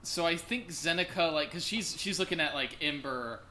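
A man playing a tabletop game and narrating his character's actions, excitable with loud outbursts. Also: on the high side, normal speed, a little hiss or hum. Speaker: player.

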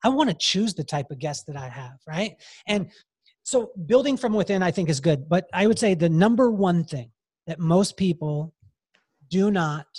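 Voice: medium pitch, lively intonation, moderate pace, a little mellow, husky, dry recording, studio quality. A hairdresser and salon coach speaking as a podcast guest, emphatic and given to repeating key phrases. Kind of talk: podcast interview, motivational advice.

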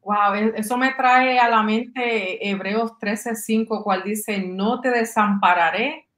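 Gentle woman co-host in an echoey room. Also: on the high side, fairly even intonation, slow pace. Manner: gentle, empathetic, searching for words. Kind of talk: conversational interview.

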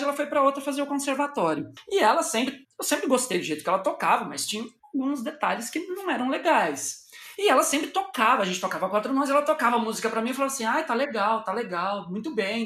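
A man in casual chat, telling an expressive story and laughing easily. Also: extremely high pitch. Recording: roomy echo.

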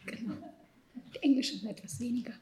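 A middle-aged woman, born in Ukraine and raised in Israel, speaks as a psychologist on a discussion panel, thoughtful and hesitant with many fillers and soft, trailing asides. Her voice is fairly high and a little fast, with a crowd audible behind her.

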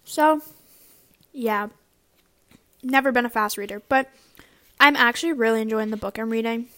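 A woman's voice: fairly high pitch, moderate pace, sharp tone. A young woman student chatting casually to camera, rambling with lots of fillers and restarts. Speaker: student vlogger.

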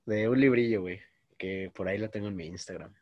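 A man in his twenties with a Mexican Spanish accent tells a long story in casual slang. His voice sits fairly low. The sound is dry and close, with no room around it. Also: fast talker, no room sound, muffled recording. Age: 20s. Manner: slangy, says "güey" constantly, storytelling. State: coughing. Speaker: podcast co-host. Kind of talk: casual chat.

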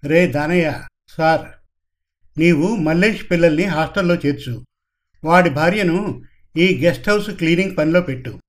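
A man's voice: fairly high pitch, moderate pace, long pauses, close to an everyday voice. A man voicing an arrogant, scheming rich boss who gives orders in a bossy manner. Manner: commanding, bossy.

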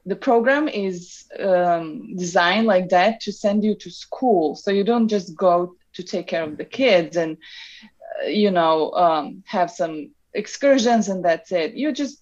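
A woman's voice: mid-range voice, slow, a little mellow, highs cut off. A woman from Serbia with a Serbian accent, chatting relaxedly as a podcast guest, with many ums and restarts. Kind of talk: casual interview chat.

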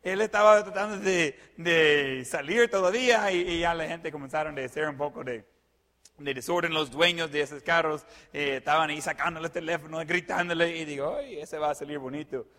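A man telling a personal anecdote in a lively way, adding sound effects and fillers. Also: on the high side, a little fast. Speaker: storyteller. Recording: long hall reverb.

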